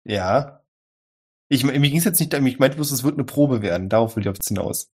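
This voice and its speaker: A man narrating as game master of a tabletop role-playing game, calmly explaining rules and scenes with dry humor. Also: mid-range voice, brisk, breathy edge.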